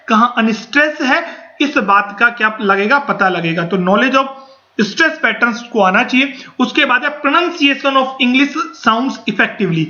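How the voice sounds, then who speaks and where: A man's voice: extremely high pitch, sharp tone, dull audio. A man teaching English for a teacher exam, mixing into his lecture and asking himself questions that he then answers.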